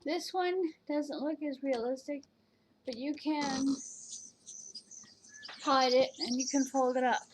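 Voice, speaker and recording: A woman's voice: sits high, takes it slowly, long pauses, slight background noise. Chatty rambling woman at her computer. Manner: rambling, hesitant, many fillers and restarts. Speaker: vlogger reviewing virtual canes. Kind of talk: casual chat.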